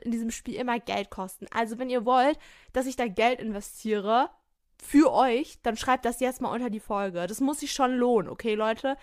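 A woman's voice: fairly high pitch, dry recording, studio quality. Chatty young woman gaming. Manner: chatty, addresses viewers as "Leute", laughs often. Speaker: game player and podcaster. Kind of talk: casual commentary while playing a story game.

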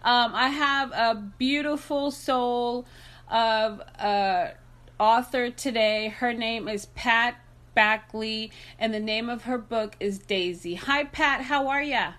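A woman's voice: a little high, slow, a bit bright. A woman hosting a podcast over a video call, upbeat and bubbly, with lots of fillers as she talks. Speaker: podcast host. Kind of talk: casual interview chat.

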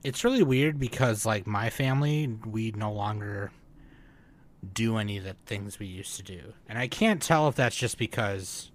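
A podcast co-host with a lowish voice chats casually at a normal speed. He rambles, leaning on lots of fillers and frequently restarting his sentences.

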